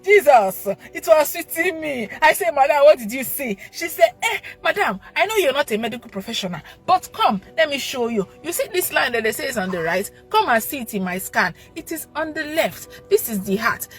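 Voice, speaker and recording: A young woman with a Nigerian accent gives a heartfelt testimony in church, calling the pastor papa. Her voice sits a little high and swells toward shouting and tears. Soft music plays faintly behind her. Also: husky. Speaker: testimony giver.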